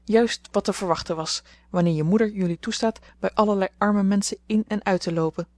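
A woman voicing a sharp-tongued, grumpy old aunt who speaks in a snappish, scolding way. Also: medium pitch, steady tone, a little fast, no echo, close to an everyday voice.

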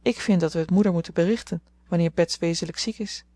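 A woman's voice: lowish voice, quick pace, warm tone, no echo, close to an everyday voice. A woman voicing a sensible eldest sister who speaks earnestly and in a commanding way.

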